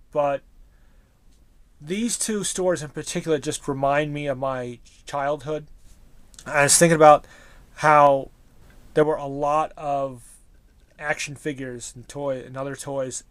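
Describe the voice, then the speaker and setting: A man's voice: medium pitch, no echo. A man in his thirties, a toy collector, reminiscing casually in a rambling way with many restarts.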